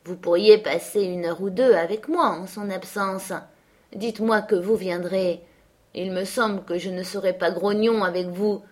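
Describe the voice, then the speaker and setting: A whiny, taunting sickly teenage boy, put on by a woman reading a novel aloud. He wheedles and needles in a slightly raised voice of middling pitch. The delivery is read from a book, plainly narrated. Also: steady tone, moderate pace, natural voice. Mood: coaxing.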